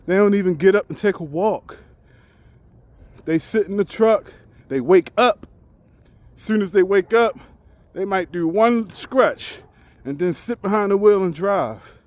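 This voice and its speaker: A man in his forties speaks in a fairly high voice, candid and reflective, with a casual vlog feel. He works his thoughts out loud and restarts sentences as he goes. The sound is close and dry, with little room in it. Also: a little slow, pauses often, dry recording. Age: 40s. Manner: talks while out on a walk. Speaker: truck driver.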